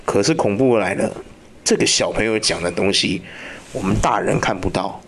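A podcast host with a lowish voice tells ghost stories at a moderate pace in animated, profane, casual chat, constantly asking "you know?" to check the listener follows. A little hiss or hum can be heard.

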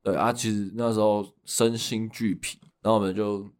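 A man with a Taiwanese accent and a fairly low voice. He hosts a podcast and speaks in a casual, conversational way, as if chatting with his co-host. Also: level tone, normal speed, a little mellow. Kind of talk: casual chat.

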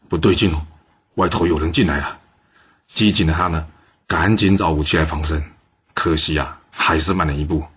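A man's voice: sits low, a bit bright, breathy edge. A man telling a history story in a chatty way, often putting questions to the listener.

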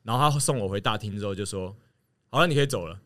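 A man telling a story in casual chat, animated and laughing as he acts out what others said. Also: lowish voice, racing. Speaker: podcast guest telling a story.

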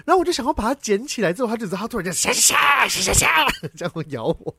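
Animated high-voiced male podcaster. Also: rapid-fire, husky, no echo. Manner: animated, dramatic retelling with laughs and swearing. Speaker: podcast co-host. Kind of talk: casual chat, storytelling.

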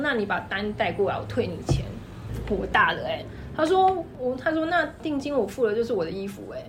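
A woman with a Taiwanese Mandarin accent, a clothing shop owner telling stories in an animated, emphatic way. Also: fairly high pitch, a little hiss or hum. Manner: animated, fast-talking, emphatic. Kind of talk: casual storytelling chat.

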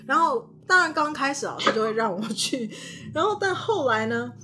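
A young woman telling stories on a casual podcast, her voice set a little high and swooping widely as she acts out little scenes from her childhood. She laughs often and keeps her voice chatty and expressive. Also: normal speed, faint music behind. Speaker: podcast co-host. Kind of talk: casual chat, storytelling.

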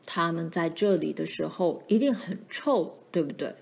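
A woman's voice: fairly low pitch, expressive, normal speed, creaky, voice pushed down. A woman voicing a frontier mother who sounds anxious and practical.

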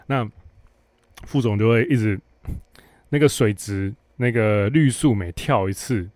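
A man's voice: lowish voice, measured pace, a little mellow, no room sound. A man with a Taiwanese Mandarin accent hosting a podcast, telling a work story in a blunt, sarcastic, casual monologue. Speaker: podcast host.

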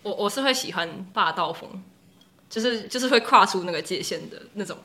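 A young woman with a Taiwanese Mandarin accent talks quickly, telling a story in a chatty, laughing way. Her voice is bright and clear, at a middle pitch. She sounds like a co-host chatting with friends on a podcast. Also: animated. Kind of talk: casual chat.

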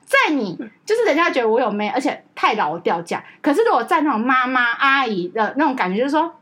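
A woman's voice: sits high, fast talker. A woman with a Taiwanese Mandarin accent, co-hosting a podcast and telling a family story in casual chat, acting out her relatives' lines. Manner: animated, acts out family members' lines. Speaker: podcast co-host.

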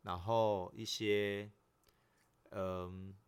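A man's voice: on the low side, little pitch movement, drawn-out words, clear, resonant tone. A man with a Taiwanese accent hosting a casual podcast and explaining local sayings, agreeable and often repeating short phrases. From rural western Taiwan. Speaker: podcast host.

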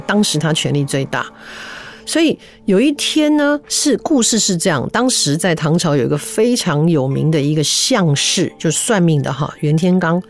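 A woman telling folk tales on a podcast in a chatty way, speaking directly to the listener. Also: on the low side. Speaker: podcast storyteller. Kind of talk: storytelling.

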